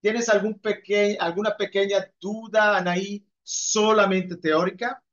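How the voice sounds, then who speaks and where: High-voiced man teaching online. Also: flat delivery, measured pace, fairly bright tone. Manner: patient, encouraging, repeats praise. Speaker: Italian teacher. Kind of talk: online class Q&A. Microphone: video call. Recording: muffled video call audio.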